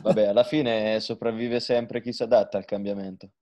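A man's voice: on the low side, little pitch movement, a little fast, dark tone. A young man hosting a casual podcast, greeting listeners and talking with his guests. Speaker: podcast host.

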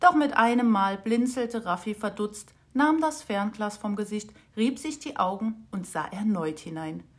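A woman narrating a children's storybook with an expressive, lively reading. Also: mid-range voice, measured pace, hardly any pauses.

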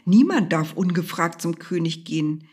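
A woman voicing a young, clever queen who speaks breathy and soft. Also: on the low side, expressive, normal speed. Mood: worried.

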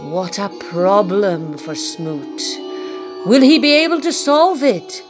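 A woman telling a spooky children's story for radio like a hammy vintage horror narrator, drawing words out and using dramatic hushes. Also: medium pitch, expressive, slow pace, music in the background.

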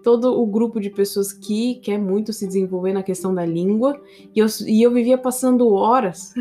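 In a relaxed solo podcast, a Brazilian Portuguese-accented English teacher chats animatedly, regularly speaking directly to listeners. She has a mid-range voice at normal speed, with soft music playing behind her.

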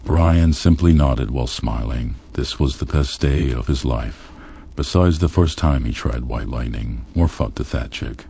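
A man reading a crude comedy story aloud in a deadpan, matter-of-fact way. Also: extremely low pitch, measured pace, vocal fry, breathy edge. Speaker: audiobook narrator.

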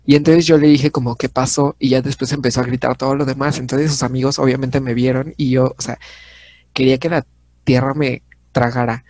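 A man's voice: medium pitch, a little fast, no echo. A young man in his twenties with a Mexican accent, co-hosting a casual podcast and telling a story with frequent laughter. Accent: Mexican Spanish. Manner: lively storyteller, laughing often. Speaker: podcast co-host. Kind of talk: casual chat.

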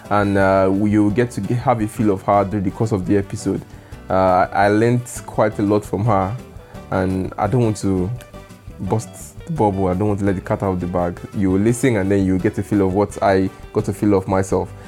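A man hosting a casual podcast, relaxed and teasing, often repeating his words. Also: lowish voice, normal speed, soft background music. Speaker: podcast host.

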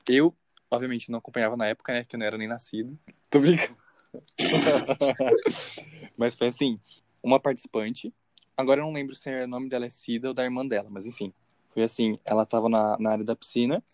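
A man's voice: medium pitch, fairly even intonation, fairly quick, a little mellow, a little hiss or hum. A young Brazilian man with a Brazilian Portuguese accent, co-hosting a podcast in casual, jokey chat and laughing often. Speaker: podcast co-host.

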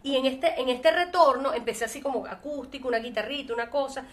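A Venezuelan-accented woman appears as a singer being interviewed, telling her story with liveliness and acting out the voices of people she quotes. She speaks quickly in a high-pitched voice.

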